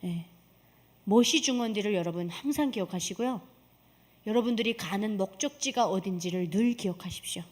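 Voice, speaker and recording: A woman's voice: medium pitch, brisk. A woman from Korea, giving an emphatic church testimony with rhetorical questions to the congregation. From North Korea.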